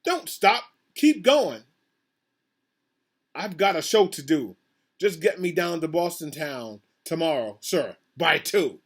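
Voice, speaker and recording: A man shouting as a pushy, bullying circus boss. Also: a little high, sing-song, takes it slowly, heavily acted. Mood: yelling. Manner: yelling impatiently. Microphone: video call.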